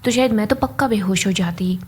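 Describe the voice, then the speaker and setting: A woman's voice: mid-range voice, fairly quick, a little mellow, slight background noise, close to an everyday voice. A breezy, confident young woman read by a woman.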